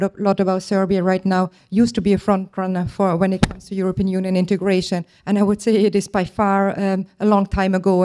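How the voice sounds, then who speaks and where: A woman's voice: mid-range voice, warm tone. A woman moderating a panel, posing long framing questions with hesitations. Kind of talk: panel discussion.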